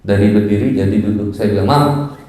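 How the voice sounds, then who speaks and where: A man preaching a humorous sermon in a mosque, joking with the crowd, acting out quarrels in sudden high voices and chanting Arabic verses slowly. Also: darkish tone. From West Java. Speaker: Islamic preacher. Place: mosque hall. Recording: very echoey mosque hall.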